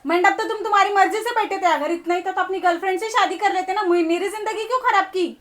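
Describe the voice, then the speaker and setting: Woman playing a young wife, very high pitch, emotional, pleading, family drama. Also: quick pace, a bit bright. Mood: indignant.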